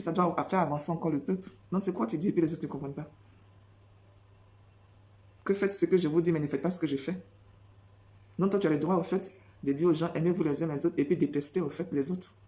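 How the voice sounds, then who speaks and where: Une femme qui prêche sans notes, répète ses phrases et enchaîne les questions rhétoriques avec insistance. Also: female voice, deep voice, mellow. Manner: repetitive, rhetorical questions, emphatic. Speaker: preacher. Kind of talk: spontaneous preaching monologue.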